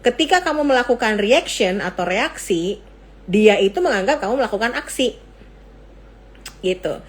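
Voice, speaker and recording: A middle-aged woman psychiatrist hosting a casual live talk, playful and quick to laugh, swinging between excited high bursts and low asides. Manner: playful, laughs often, jokes in mock foreign gibberish. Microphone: phone or laptop mic for an Instagram live.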